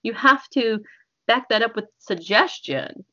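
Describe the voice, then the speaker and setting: A woman's voice: fairly high pitch, expressive, unhurried, bright, forceful tone. A woman speaking as an interview guest, casually explaining hypnosis technique in a chatty, conversational way. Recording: echoey, muffled lo-fi call audio.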